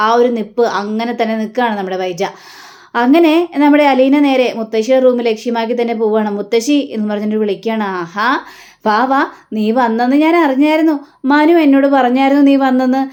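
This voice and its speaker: Woman, fairly high voice, casual recap narrator who relays each character's lines without acting them out. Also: a little mellow, lo-fi sound. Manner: retells dialogue in quotes without changing voice much. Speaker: serial episode recapper. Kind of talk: storytelling recap of a TV serial, voicing the lines.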